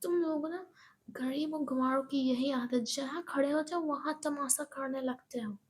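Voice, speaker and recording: A woman voicing a spoiled, insulting rich young woman who scolds in a shrill, scornful voice. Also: unhurried. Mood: scornful shouting.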